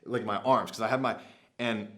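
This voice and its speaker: A man's voice: on the low side, normal speed. A young man vlogging, telling a story casually to camera with lots of filler words and acted-out quotes. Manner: animated, many "like" fillers, acts out his own past lines. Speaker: adventure vlogger.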